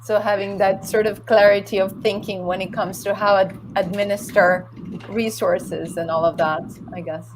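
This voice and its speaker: A woman's voice: medium pitch, little pitch movement, normal speed. A woman moderating an online talk in a polite, appreciative manner. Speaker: host, moderator. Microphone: video call. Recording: video call with clear background noise.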